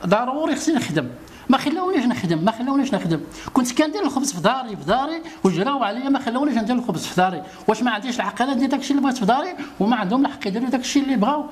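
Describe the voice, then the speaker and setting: A man's voice: very high-pitched, animated, racing. A man with a Moroccan Arabic accent, a citizen pleading for help in a street interview and repeating his grievances insistently.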